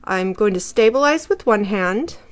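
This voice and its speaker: A woman's voice: medium pitch, lively intonation, normal speed. A woman teaching a live craft tutorial, explaining each step and checking in with the viewers. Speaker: craft instructor.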